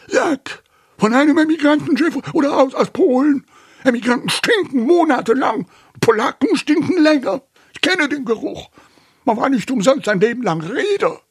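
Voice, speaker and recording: A cantankerous elderly shipowner, voiced by a man in an audiobook, shrill and trembling with indignation. The voice jumps high above a gravelly, husky base. The recording is dry and close. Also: animated, slow pace, dry recording, full character voice. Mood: furious. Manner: shrill, trembling, bigoted outbursts. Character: elderly irritable male retired shipowner.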